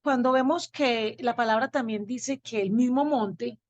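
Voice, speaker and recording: A woman's voice: on the high side, unhurried, no echo, muffled recording. Woman teaching scripture, rhetorical questions. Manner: explanatory, asks rhetorical questions and answers them. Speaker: teacher of a Messianic congregation. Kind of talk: Bible teaching with on-screen slides.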